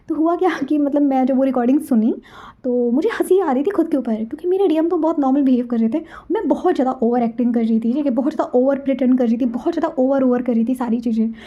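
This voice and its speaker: High-voiced woman chatting, dull lo-fi sound. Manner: chatty, checks in with the listener often; mixes English words into her speech. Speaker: twin flame spiritual channel host. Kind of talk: casual personal storytelling and advice. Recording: dull, lo-fi recording.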